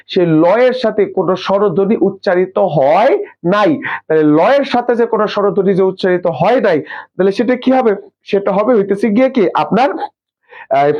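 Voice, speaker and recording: A man teaching an exam prep lesson, asking questions and answering them himself and drilling pronunciation slowly. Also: sits high, muffled recording.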